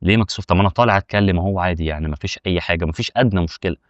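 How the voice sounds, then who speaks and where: Rapid-fire Egyptian man, dull dry sound. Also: deep voice, dry recording. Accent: Egyptian Arabic. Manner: rapid, chatty, argues with imagined viewer objections. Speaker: YouTube tutorial host. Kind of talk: casual direct-to-camera explainer.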